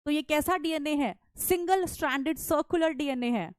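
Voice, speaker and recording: Soft-spoken high-voiced woman teacher. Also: moderate pace, dry recording. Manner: explains step by step, asks and answers her own questions; chatty, calls students "beta". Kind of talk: online lecture.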